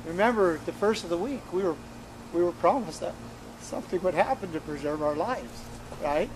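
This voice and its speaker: Man, earnest and emphatic storyteller, slightly high voice, repeats himself, faint noise underneath. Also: animated, moderate pace. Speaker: interviewee recounting events. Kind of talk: conversational storytelling.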